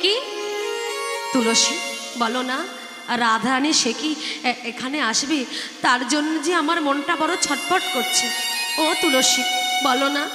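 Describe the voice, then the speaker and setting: A lovesick young cowherd god calls out in a high, sweet, wheedling voice, as a woman kirtan singer puts him on. His pleas ring through an echoey hall with live music behind. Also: slow, long pauses. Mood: pleading. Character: young divine cowherd man, coaxing and lovesick.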